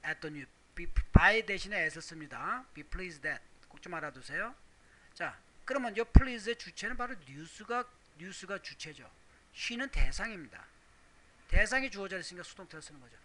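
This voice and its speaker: Bright high-voiced man teaching grammar. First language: Korean. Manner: explains step by step, asks rhetorical questions; reads English examples slowly and deliberately. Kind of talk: recorded grammar lecture.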